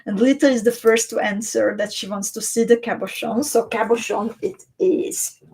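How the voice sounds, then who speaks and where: A woman from Hungary or Slovakia runs a beading livestream, showing beads, reading comments and warmly answering viewers by name in a chatty, descriptive way. Her voice is a little high and steady, at a moderate pace, with vocal fry and a breathy edge. The recording quality is low.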